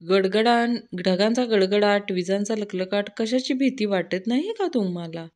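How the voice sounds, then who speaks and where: A woman's voice: medium pitch, moderate pace, darkish tone, close to an everyday voice. A woman voicing a cheeky young boy who slyly questions his father. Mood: teasing.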